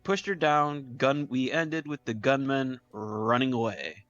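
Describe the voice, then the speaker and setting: A man recapping the last session of a tabletop game in halting, piecemeal phrases. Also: mid-range voice, fairly bright tone, no room sound, highs cut off, soft background music. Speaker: player.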